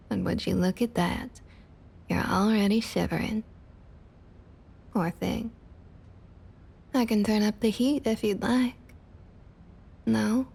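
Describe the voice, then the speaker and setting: Heavily acted and a little mellow, a woman's mid-range voice brings to life a smug, condescending vampire councilwoman in an intimate, scripted ASMR monologue. She uses a Southern US accent and a falsely sweet, breathy tone that frequently falls to a near whisper.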